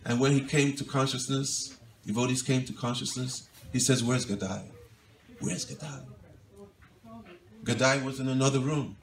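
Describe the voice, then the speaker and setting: A man, a monk giving a devotional lecture, tells a sacred story in a gentle storytelling style, dropping to a soft, quiet voice for quoted pleas. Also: medium pitch, level tone, a little fast. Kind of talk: storytelling sermon. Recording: roomy hall echo, mic at a distance, faint ambience.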